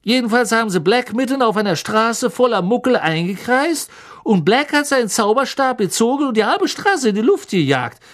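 An audiobook reader voicing an excitable, gossipy young male bus conductor who tells a story dramatically and keeps asking for agreement. The reader pushes the voice up and gives it extra force. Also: mid-range voice, moderate pace, voice pushed up. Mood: gossipy, dramatic. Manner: dramatic, chattering, eager for agreement. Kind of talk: audiobook character voice.

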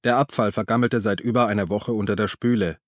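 A man narrating a crime novel in a measured, even tone. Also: lowish voice, dry recording, studio quality. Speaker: audiobook narrator. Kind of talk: scripted narration.

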